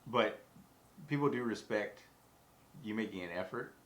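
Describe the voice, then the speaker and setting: A man's voice: fairly low pitch, a little slow. A man co-hosting a podcast in casual chat, laid-back and agreeable, swearing casually. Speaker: podcast co-host.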